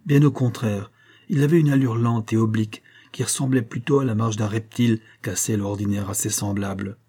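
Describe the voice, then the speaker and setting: An audiobook reader, a man with a lowish voice, narrates a classic novel. His storytelling is measured and even.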